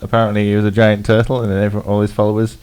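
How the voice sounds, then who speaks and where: A man's voice: lowish voice, monotone, very fast, a little mellow, smooth. A man in casual podcast chat on a headset mic, rambling and laughing often. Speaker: podcast co-host.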